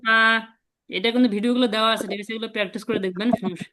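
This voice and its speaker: Woman, language teacher, patient, repetitive drilling, slightly high pitch. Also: fairly even intonation, fairly bright tone, dry recording, poor audio. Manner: patient, repeats sounds slowly, drills students. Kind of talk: beginner language class.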